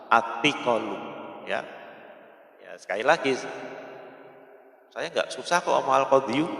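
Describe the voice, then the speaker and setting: A man's voice: medium pitch, fairly bright tone. A man teaching an Arabic grammar lesson, patiently explaining and repeating his points, reading Arabic text and glossing it. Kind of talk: pesantren kitab lesson. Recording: echoey hall with long reverb.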